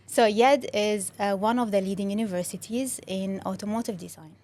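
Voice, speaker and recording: In a casual interview, a young adult creative director from Syria speaks with a Syrian Arabic accent, Arabic being her native language. Her medium-pitched voice is a little mellow with fairly even intonation at a moderate pace, and her friendly talk is full of fillers and restarts.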